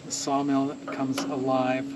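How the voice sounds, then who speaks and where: Out in a wooded yard beside his sawmill, a man in his forties who owns it chats about a repair while working, laughing easily. His mid-range voice is completely flat and measured, and the outdoor recording has clear background noise.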